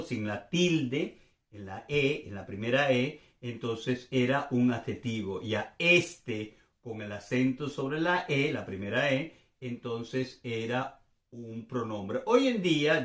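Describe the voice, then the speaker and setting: A man's voice: medium pitch, roomy sound. A man in his sixties from Venezuela gives a casual, rambling Spanish grammar lesson full of chatty, self-deprecating asides. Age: 60s. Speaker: Spanish teacher.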